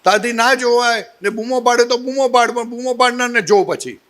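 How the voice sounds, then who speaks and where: A man's voice: very high voice, fairly quick. A man with a Gujarati accent giving a spiritual satsang talk, telling stories with humor and asking the audience questions. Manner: humorous, animated storytelling with rhetorical questions. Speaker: spiritual teacher.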